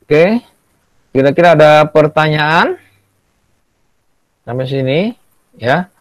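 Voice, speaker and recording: A man's voice: a little high, slow, no echo. Male Indonesian schoolteacher on a video call, dry sound, coaxing, keeps checking in with "ya". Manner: repeats "ya" and "gitu loh" often, coaxing; acts out children's tantrums in a raised voice. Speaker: teacher. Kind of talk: online class lesson.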